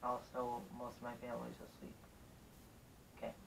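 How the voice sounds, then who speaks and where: A young man chatting casually and haltingly to viewers as a vlogger, recorded indoors on a camera a few feet away. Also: monotone, gravelly. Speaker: vlogger hosting a challenge video. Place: bedroom, indoors. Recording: distant camera mic, rumbly background noise.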